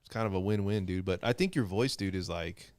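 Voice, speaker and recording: A man chatting casually on a podcast, animated and slangy, calling everyone dude and bro. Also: low-pitched, brisk. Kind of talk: casual chat.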